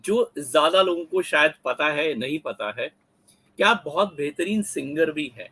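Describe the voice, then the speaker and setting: Casting: polite male host, slightly higher voice, deferential interviewer on a video call. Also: lively intonation, moderate pace, bright, forceful tone, husky, low-quality recording. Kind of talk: respectful interview questions.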